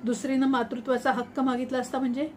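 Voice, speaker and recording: High-voiced woman reading a story. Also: slight background noise. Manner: measured, reflective, expressive reading. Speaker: story reader. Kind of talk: reading a sci-fi short story aloud.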